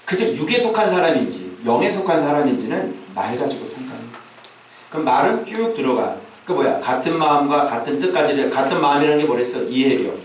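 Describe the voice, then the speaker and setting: A male pastor preaches in a lively, swinging voice that rises and falls, firing rhetorical questions at his congregation. His voice sits a little high for a man and carries a heavy echo, picked up from a distance in a church hall with faint background hum. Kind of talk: sermon. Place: church sanctuary. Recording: very echoey church hall, mic far off.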